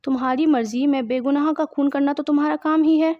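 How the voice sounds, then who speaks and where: A woman's voice: high-pitched, fairly even intonation, dry recording, dull audio, lightly acted. A woman reading the lines of a proud, defiant young woman fighter in a play. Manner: proud, firm.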